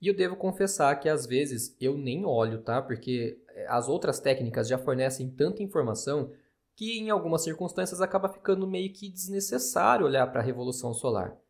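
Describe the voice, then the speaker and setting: A man's voice: a little high, expressive, fairly quick, gravelly. A man with a Brazilian Portuguese accent, an astrologer hosting a podcast, explaining in a chatty, skeptical way with frequent tag questions. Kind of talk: casual explanatory monologue.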